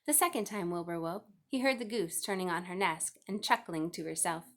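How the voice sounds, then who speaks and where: A woman's voice: fairly low pitch, fairly quick. A woman reading a children's novel aloud as scripted narration. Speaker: storybook reader.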